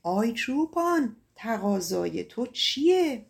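A woman voicing the mighty wind in a folk tale, speaking low and grave. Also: sing-song, creaky. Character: mighty wind, champion of champions.

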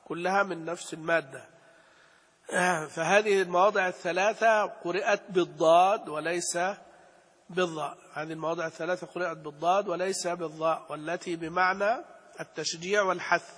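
Male tajweed teacher, slow and repetitive, chants verses; breathy voice in a reverberant hall. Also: high-pitched, steady tone, a bit bright. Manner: slow, repeats key phrases, chants verses. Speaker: Quran recitation teacher. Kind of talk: religious lesson on tajweed.

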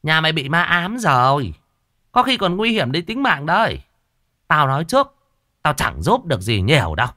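A man voicing a shrill, bossy middle-aged female village medium who talks down to people. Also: huge pitch swings, moderate pace, pushed and bright, no echo, clean studio sound, exaggerated voice. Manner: brusque, scolding, self-important.

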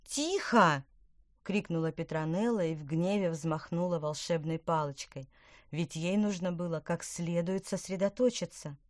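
A woman narrating a children's storybook in an even, clear manner. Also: on the low side, normal speed, dry recording, studio quality. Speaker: audiobook narrator. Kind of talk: scripted narration.

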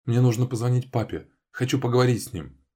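A man's voice: mid-range voice, fast, a little mellow, husky, pitched above the performer's own voice, close to an everyday voice. A man reading an audiobook, voicing a frightened young woman who pleads for the man she loves. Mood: worried. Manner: pleading, tearful. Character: frightened devoted young woman, the narrator's girlfriend.

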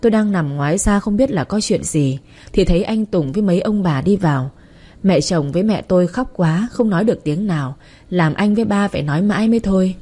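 A woman reading a first-person story in a calm, even way, over faint music. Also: lowish voice, a little fast. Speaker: narrator.

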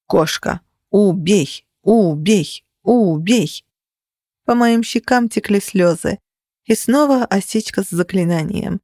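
A woman narrating a first-person fantasy audiobook in an expressive, dryly ironic way. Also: lowish voice, no echo, clean studio sound.

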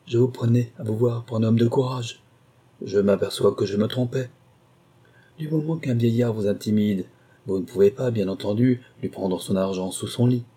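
A man's voice: mid-range voice, normal speed, warm tone, breathy edge, close to an everyday voice. A man reading a story, voicing a scheming, sarcastic wife who mocks and goads a burglar. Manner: cold, mocking, haughty.

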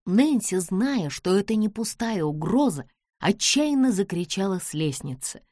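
A woman reading an audiobook in steady storytelling narration. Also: mid-range voice, measured pace, dry recording, clean studio sound. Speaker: audiobook reader.

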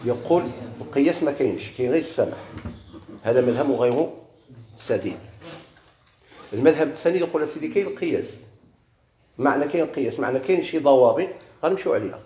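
This grammar teacher has a Moroccan Arabic accent and a mid-range, dark-toned voice, speaking quickly and animatedly with long pauses. He asks and answers his own questions and repeats key words, in an echoing room with slight background noise.

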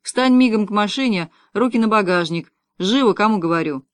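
A woman voicing a laid-back young policeman who gives calm, unhurried orders in an audiobook. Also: mid-range voice, no echo, clean studio sound, natural voice. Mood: lazy commanding. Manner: lazy, calm, commanding.

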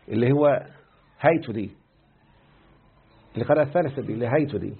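A man with an Egyptian Arabic accent teaching a grammar lesson, who keeps quizzing his student and slowly repeats words. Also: mid-range voice, breathy edge. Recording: tinny phone-like line.

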